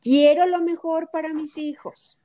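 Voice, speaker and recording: A woman's voice: high voice, a little slow. A middle-aged woman with a Mexican accent, talking as a guest about family nutrition, telling stories and acting out her daughter's lines. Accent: Mexican Spanish. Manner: animated storytelling, acts out quotes of her daughter. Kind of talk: conversational talk interview.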